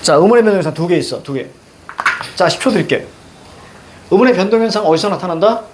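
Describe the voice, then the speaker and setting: A man's voice: high voice, lively intonation, fast, noisy background. A male teacher giving a classroom grammar lesson, questioning students and repeating key words.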